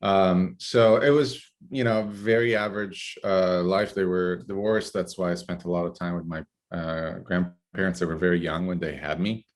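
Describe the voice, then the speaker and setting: Deep-voiced Italian-accented man, halting. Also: fairly even intonation. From Italy. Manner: halting, many fillers and restarts. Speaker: guest, climate researcher. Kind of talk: podcast interview.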